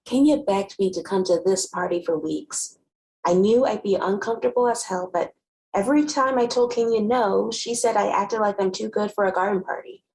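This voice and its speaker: In a dramatic novel reading, an actress voices a wry, guarded, sharp-tongued teenage girl who tells her own story in a conversational way. Her mid-range voice sounds natural, though the recording quality is low.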